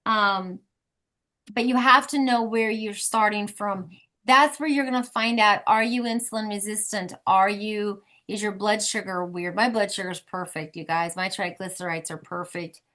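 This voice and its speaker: Speaking at a normal speed in a steady, medium-pitched voice that sounds pushed and bright, a woman runs her weekly support group on video. Her instructions to the members come across as friendly, talkative and encouraging.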